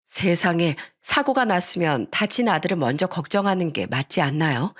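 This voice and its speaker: A woman's voice: fairly low pitch, sing-song, brisk. A woman narrating a first-person family story in a plain, indignant storytelling manner.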